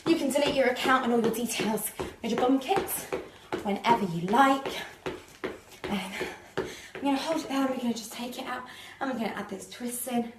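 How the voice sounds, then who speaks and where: A woman's voice: on the high side, moderate pace, roomy sound, noisy background. Chatty woman leading a workout. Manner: chatty, laughing at her own slips, demonstrating moves. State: a little out of breath. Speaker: fitness instructor. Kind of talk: live workout instruction. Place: living room.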